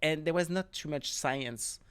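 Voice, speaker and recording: In a smooth, somewhat bright voice of fairly high pitch, a middle-aged man with a French accent talks a little slowly. A guest on a podcast interview and a professor of marine ecology, he explains things with loose non-native phrasing and frequent restarts.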